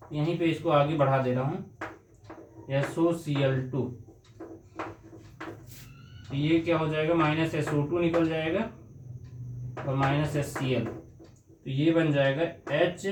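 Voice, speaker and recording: High-voiced man teaching in an echoey room. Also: distant mic, noisy background. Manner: talking through reactions step by step, asking himself questions. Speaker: chemistry teacher. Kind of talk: classroom lecture on organic chemistry.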